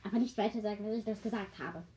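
A woman reading a children's story aloud. She often stops to joke with her listeners, stumbles over words and corrects herself, and uses a higher voice for the characters' short cries. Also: fairly even intonation, racing, mellow, a little hiss or hum, poor audio. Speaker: reader of a children's book.

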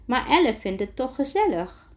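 A woman's voice: high-pitched, sing-song, normal speed. A woman reading a children's picture book aloud, carefully, often stopping and restarting words. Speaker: storyteller.

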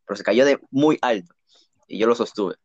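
A man's voice: mid-range voice, normal speed, darkish tone, no echo. A young man in casual chat, talking reflectively and telling a rambling personal story with many restarts. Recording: dull, muffled sound.

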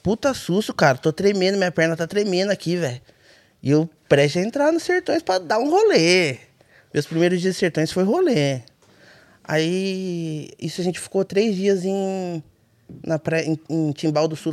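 Animated Brazilian man telling a story. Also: high-pitched, normal speed. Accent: Brazilian Portuguese. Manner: animated, colloquial, acts out dialogue in his story. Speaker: podcast guest, rally navigator. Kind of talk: casual storytelling.

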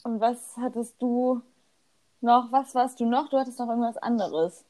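Young woman laughing a lot while chatting, bit high voice, throws in english slang. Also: fairly even intonation, normal speed, warm tone. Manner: giggly, lots of laughter. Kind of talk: casual chat.

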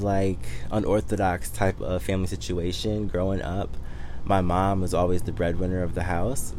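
A man's voice: low-pitched, mellow, slight background noise. A man in his twenties from Detroit, hosting a solo podcast and talking casually with many fillers and restarts. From Detroit, Michigan. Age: 20s. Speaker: podcast host.

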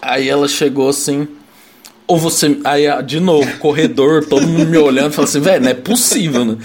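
A man's voice: on the high side, fairly even intonation, brisk, darkish tone, faint music behind. A young Brazilian man telling a story in casual chat, packed with slang and fillers and breaking into laughs.

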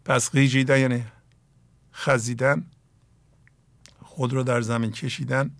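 A middle-aged man with an Iranian Persian accent, slowly reciting mystical poetry and explaining it in a plain sermon. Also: mid-range voice, level tone, gravelly, no room sound. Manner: slow, emphatic recitation of verses then plain explanation. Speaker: spiritual teacher.

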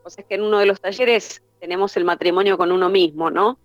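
A woman speaks at a mid pitch in a calm, flowing, teacherly manner, stacking her ideas into lists. The sound is dull and lo-fi and very dry. Faint music plays underneath. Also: quick pace, no echo. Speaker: workshop facilitator. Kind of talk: reflective conversation.

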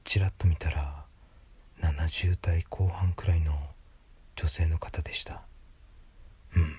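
A man reads a creepy ghost story in a hushed, breathy whisper, speaking conversationally as the narrator. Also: extremely low pitch, fairly even intonation, slow. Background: background music.

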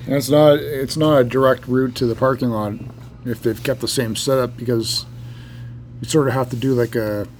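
Deadpan male podcast co-host over laptop fan. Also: mid-range voice, normal speed. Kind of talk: casual banter between friends. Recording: laptop fan hum behind voice. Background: loud computer fan.

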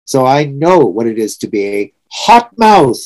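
A man's voice: medium pitch, big pitch swings, a little slow, darkish tone, poor audio. A sixty-year-old man from Trinidad and Tobago, preaching a sermon in an earnest, reflective way with emphatic swells. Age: 60s.

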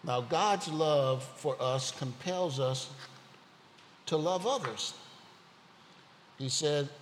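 An earnest guest preacher, a man with a slightly high voice, takes his time and speaks very slowly as he weaves personal stories into his sermon. His words carry a long reverb through the hall. Faint ambient noise sits beneath his voice.

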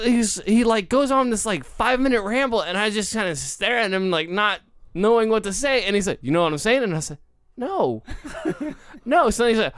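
A man's voice: sits high, fairly bright tone, clean tone, no room sound. A man telling a rambling story as a podcast co-host, with lots of filler words. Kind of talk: casual chat.

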